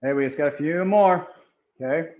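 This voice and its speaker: A man's voice: on the high side, moderate pace, phone-quality sound. A man working as a karate instructor, explaining a drill to the class in informal, colloquial language.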